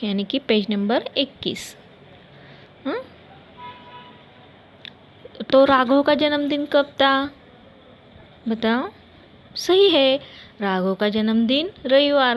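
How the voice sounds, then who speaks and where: A young woman primary school teacher, reading a story aloud and explaining words, often repeating lines and asking her pupils questions. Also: a little high. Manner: patient, repeats lines and asks students questions.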